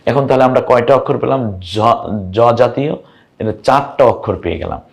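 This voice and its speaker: A man with a Bangladeshi Bengali accent teaching Arabic letter pronunciation in an online lesson, patiently demonstrating each sound slowly. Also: medium pitch, expressive, gravelly.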